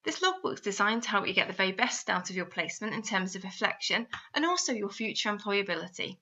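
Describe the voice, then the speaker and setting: With lively intonation and a fast delivery, a bright-voiced woman of medium pitch narrates a scripted guidance video as a university placement adviser. She explains clearly and prompts the listener with guiding questions over lo-fi sound.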